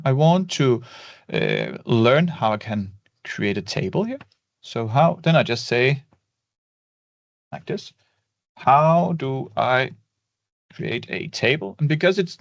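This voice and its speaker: A man talks through a screen-recorded spreadsheet lesson, relaxed and step by step, often pausing on fillers. His pitch is an ordinary middle. The voice-over is dry with no room sound and slightly dull in tone.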